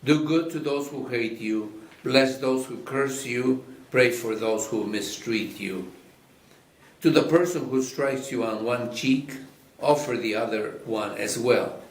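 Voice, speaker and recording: Man, priest, measured solemn reading, mid-pitched, unhurried, cathedral echo in a big church. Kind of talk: slow liturgical gospel reading. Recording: echoey church sound.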